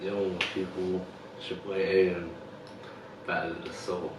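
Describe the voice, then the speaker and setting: Deep-voiced London man, echoey room. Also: level tone, moderate pace, distant mic, background noise. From West London. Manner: laid-back street slang, many fillers. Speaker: guest. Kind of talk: casual interview.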